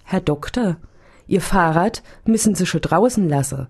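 A woman's voice: low-pitched, a little slow, mellow, slightly rough. Woman voicing fussy old nun-nurse. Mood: flustered. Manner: fussy, sighing, praying aloud. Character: kindly pious old nun-nurse, childlike cheer.

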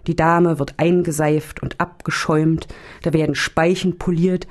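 A woman narrating a story in a calm, even reading voice. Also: deep voice, a little slow.

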